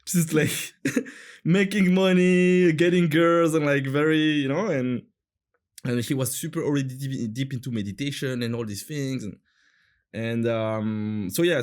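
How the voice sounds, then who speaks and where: A French man in his thirties with a French accent chats casually as an interview guest, searching for words amid many fillers and restarts. His voice is mid-range.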